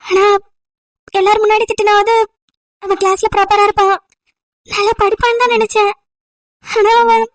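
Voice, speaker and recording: A woman's voice: very high voice, little pitch movement, normal speed, long pauses, dry recording, clean studio sound, far from the mic. A woman voicing a young teacher who blames herself, tearful, in an amateur audio drama. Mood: guilty. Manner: tearful, self-blaming.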